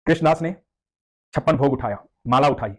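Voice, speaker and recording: A man's voice: medium pitch, moderate pace. A man narrating a devotional story in an earnest, vivid storytelling way.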